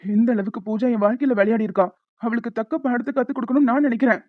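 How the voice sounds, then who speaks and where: A performer voicing a stubborn young husband set on revenge in a homemade cartoon, talking forcefully and insistently. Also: mid-range voice, racing, lightly acted. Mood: pleading. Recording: dull lo-fi sound with faint music.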